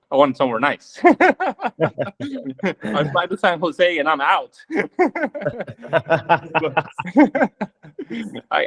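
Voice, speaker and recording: A man's voice: a little high, a bit bright. A man from Chile asking a question on a video call, laid-back and rambling, with lots of fillers. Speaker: caller.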